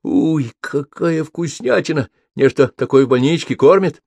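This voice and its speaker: A man's voice: a little high, lively intonation, normal speed, no echo, voice pushed up. A scared, tearful little village boy whines and pleads in a thin, raised voice, as a man reads him aloud. The storybook read sounds dry and close. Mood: whiny. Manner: whining, pleading. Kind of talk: audiobook character voice.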